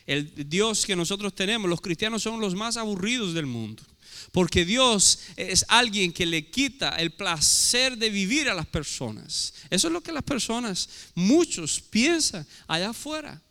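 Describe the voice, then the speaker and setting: This preacher's voice sits high and sharp, swinging widely in pitch at an unhurried pace. He speaks Spanish with a Portuguese tinge, hammering home his sermon with rhetorical questions as the hall echoes.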